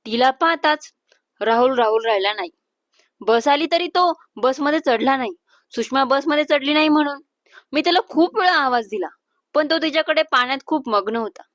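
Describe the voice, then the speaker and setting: A chatty young college girl who speaks her mind, as a woman narrator puts her on, in a high voice. She talks frankly and quickly, with a dry, close sound. It comes across as a storybook friend with little change from the narrator. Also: fairly bright tone, no echo.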